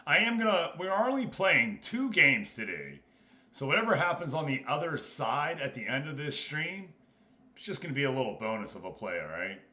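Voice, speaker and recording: A man hosts a casual game livestream, chatting informally and directly with his viewers. His medium-pitched voice sounds pushed and bright, and the room is roomy and echoing.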